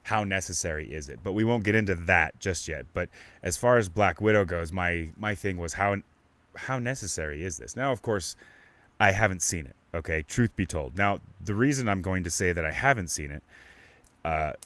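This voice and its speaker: Deep-voiced man rambling on a podcast. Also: lively intonation, moderate pace, fairly bright tone, dry recording. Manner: rambling, stop-start, many restarts and fillers. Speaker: podcast host. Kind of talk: casual live-stream chat.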